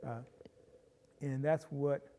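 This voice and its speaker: A man speaking in a measured, explanatory way with frequent pauses, in a reflective group discussion. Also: mid-range voice, fairly even intonation, big-room sound, background noise. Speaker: discussion panelist.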